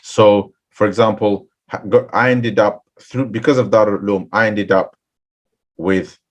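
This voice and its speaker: A middle-aged Islamic scholar of Bengali background, trained in a seminary, gives seminary graduates advice in a webinar talk through a computer mic. His fairly low voice is steady and unhurried, and he speaks earnestly, repeating and restarting phrases and asking "right?".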